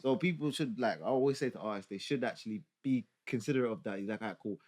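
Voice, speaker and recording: A man's voice: medium pitch, fast talker, darkish tone. A man with a multicultural London accent explaining his views in casual podcast chat, tagging phrases with yeah and innit. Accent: London, multicultural London English. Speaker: music artist in podcast discussion.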